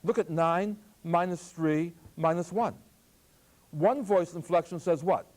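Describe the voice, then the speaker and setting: An older man, a math professor, giving a lively, joking classroom lecture on algebra. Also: on the high side, measured pace. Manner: lively, jokey, plays with voice inflection. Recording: archival taped lecture.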